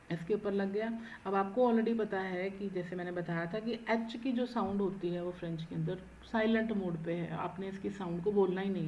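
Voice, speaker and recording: A woman teaching French in an online lecture, stressing each word slowly and often checking in with "है ना". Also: medium pitch, lo-fi sound, slight background noise. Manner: mixes Hindi and English, frequent "है ना". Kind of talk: online lecture explaining accent marks.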